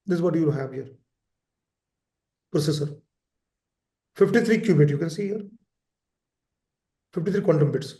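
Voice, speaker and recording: A man's voice: fairly high pitch, normal speed, pauses often, dark tone. A man, teaching a lecture class and often repeating key terms and checking in with "right?". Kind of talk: lecture for exam preparation. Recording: echoey room.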